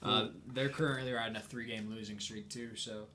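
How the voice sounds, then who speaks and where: A young man co-hosting a casual sports podcast, talking in a relaxed, rambling way with fillers. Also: lowish voice, fairly quick, slight background noise. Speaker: podcast co-host.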